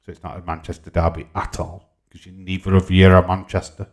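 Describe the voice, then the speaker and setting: A man in his forties from Yorkshire, England, with a Yorkshire English accent, hosts a casual livestream, reading out comments and bantering informally as he replies. His voice is low with a level tone, and he speaks fairly quickly.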